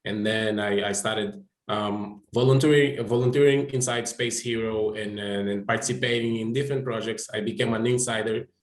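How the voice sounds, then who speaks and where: A man's voice: lowish voice, steady tone, moderate pace, few pauses. A man from Angola answering interview questions, restarting his sentences often. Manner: stammering restarts. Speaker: guest, space sector volunteer. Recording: roomy echoey audio.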